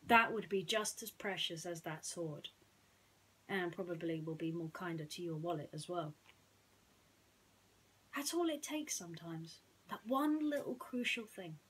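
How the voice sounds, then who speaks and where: Telling listeners a bedtime story and then gently reflecting on its simple message, a woman speaks unhurriedly and expressively in a lowish, husky, slightly bright voice. The audio quality is poor.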